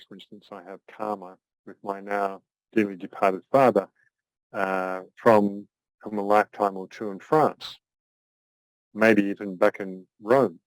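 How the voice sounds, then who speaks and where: Older man lecturing in a halting, dry voice. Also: fairly low pitch, smooth, no room sound, rough recording. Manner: thoughtful, halting, many restarts. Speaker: astrology teacher. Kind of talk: online class lecture.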